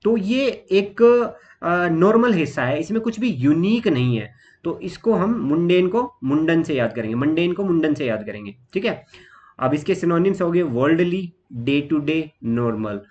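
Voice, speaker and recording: A man with an Indian accent teaching exam vocabulary in a steady explanatory lesson, listing words and pausing on fillers. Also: a little high, highs cut off.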